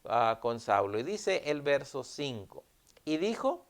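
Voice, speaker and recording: A male pastor preaching a sermon in an earnest tone, repeating key phrases and pausing with "ah". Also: mid-range voice, big pitch swings.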